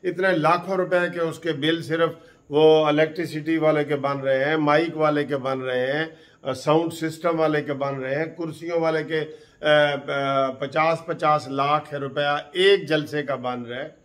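A man's voice: a little high, steady tone, a little slow. A man from Pakistan hosting heated political commentary, impassioned and accusing, repeating key phrases for emphasis.

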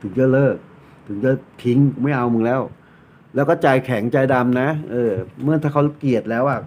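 A man's voice: medium pitch, fairly even intonation, fairly quick, a little mellow. A man reading tarot cards, explaining a card in a casual, blunt and joking way, swearing freely. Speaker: tarot reader. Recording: tinny phone-like sound, faint noise.

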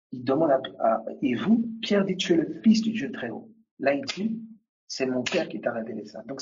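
Husky, lively-voiced preacher. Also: mid-range voice, highs cut off. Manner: emphatic, addresses listeners directly and repeats key points. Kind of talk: sermon.

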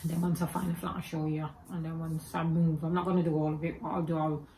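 An English woman in her forties, whose Birmingham accent has Jamaican and Egyptian traces, vlogs from her desk at home amid spooky shelves using a webcam or phone camera. Her casual chat is rambling and self-correcting, delivered fast in a low, dark voice with little pitch movement, and a little hiss or hum is audible.

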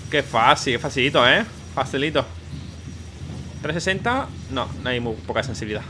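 A young man giving excitable, swearing let's play commentary, yelping at scares. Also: mid-range voice, brisk, background noise. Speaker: gaming YouTuber. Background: game music.

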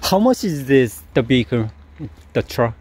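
A man's voice: mid-range voice, very animated, normal speed, a little mellow, breathy edge. A man with a Korean accent hosting a casual interview, speaking English as a second language, laughing often and asking short questions. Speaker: vlog host interviewing.

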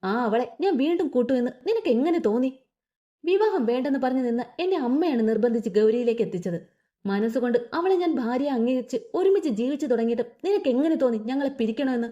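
A woman's voice: high voice, animated, quick pace, dark tone. A woman voicing a furious young husband who speaks harshly and makes threats, on a dull lo-fi recording.

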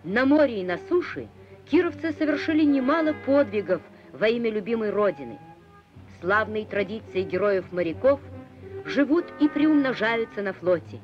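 A woman's voice: medium pitch, animated, normal speed. Woman narrating an old newsreel. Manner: solemn, declamatory. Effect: old newsreel soundtrack. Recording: dull lo-fi 1960s film soundtrack with music.

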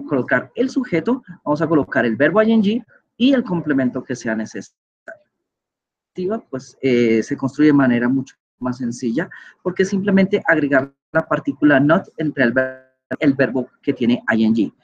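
A man's voice: medium pitch, breathy edge, highs cut off. A man giving an online grammar lecture as a teacher, patient and explanatory, often checking in with his listeners. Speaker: English teacher.

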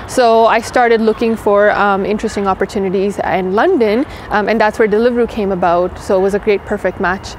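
A young woman talking fast and casually in an interview, filling her answers with "like" and "you know." She sits in a leafy city courtyard with a lapel mic. Faint traffic hums behind her. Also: mid-range voice, fairly even intonation. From Pakistan, raised in Toronto. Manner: quick, chatty, many "like" fillers. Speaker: engineering director, interview guest. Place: outdoor garden courtyard in a city.

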